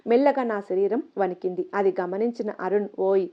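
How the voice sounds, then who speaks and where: A woman narrating a first-person story in a soft, steady reading voice. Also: medium pitch, a little fast. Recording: slightly dull lo-fi audio.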